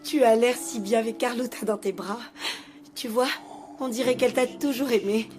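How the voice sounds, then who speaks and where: Woman doing distraught young mother, tender and pleading, highish voice, music underneath. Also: steady tone, moderate pace, lightly acted. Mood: hopeful. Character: distraught young mother comforting her baby. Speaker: mother of a baby. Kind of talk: dubbed telenovela acting.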